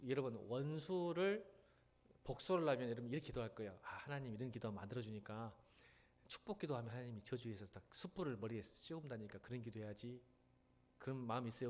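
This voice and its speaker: A middle-aged male pastor preaching in a church, talking conversationally and mimicking people with playful, rough slang. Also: mid-range voice. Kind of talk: sermon. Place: church sanctuary.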